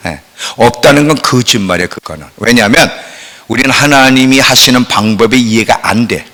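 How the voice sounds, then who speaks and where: A middle-aged man preaching a sermon as a pastor, swinging between loud outcries and hushed asides. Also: medium pitch, fairly quick. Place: church sanctuary. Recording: long church hall reverb.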